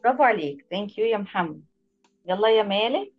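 A woman's voice: medium pitch, expressive, a little fast, lo-fi sound, soft background music. A woman with an Egyptian Arabic accent teaching an English class online, patiently explaining and praising each pupil by name. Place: online video lesson.

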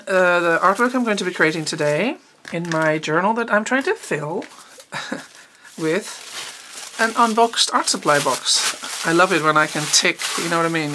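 Bright-voiced, chatty woman unboxing supplies. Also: fairly low pitch, slight background noise. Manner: chatty and enthusiastic, thinking aloud. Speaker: art teacher. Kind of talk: casual unboxing chat.

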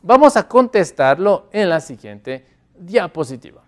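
Male teacher, native Spanish speaker, unhurried careful delivery, classroom lesson with repetition. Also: high-pitched, very animated. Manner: slow, careful modelling of English phrases with repetition. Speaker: English teacher. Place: classroom with a board.

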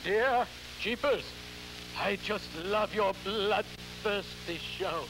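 A man playing a ghoulish, theatrical horror host, halting and repeating his words in a campy, scheming, cackling manner on an old television show. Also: high-pitched, over music. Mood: macabre, gleeful. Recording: noisy, humming vintage television recording.

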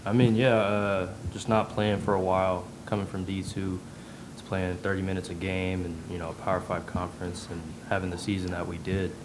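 A young male player with a low, flat voice. He reflects earnestly on the season at a postgame press table, and a clear background hum sits under his speech. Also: brisk. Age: young adult. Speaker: college basketball player. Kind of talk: postgame press conference answers. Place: press conference room. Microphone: table mic on a stand.

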